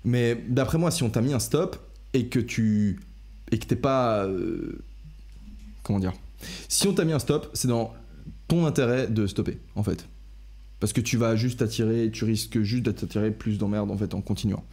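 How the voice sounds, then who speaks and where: A man's voice: fairly low pitch, moderate pace, a little mellow. A young man hosting a casual podcast discussion, rambling through his ideas with many restarts and self-corrections. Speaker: podcast host.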